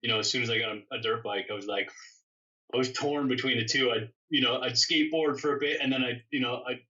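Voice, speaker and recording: A man born in England and raised in Canada, a custom motorcycle builder appearing as an interview guest, tells stories in a casual, rambling way, often correcting himself. His mid-range voice is steady, fast, pushed and bright. The recording sounds dull and distant.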